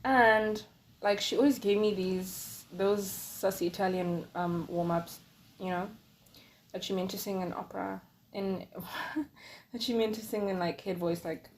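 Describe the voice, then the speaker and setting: A woman's voice: medium pitch, steady tone, a little slow, a little hiss or hum. A woman in her twenties chatting casually on her solo podcast, rambling along with lots of fillers while she crochets. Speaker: podcast host.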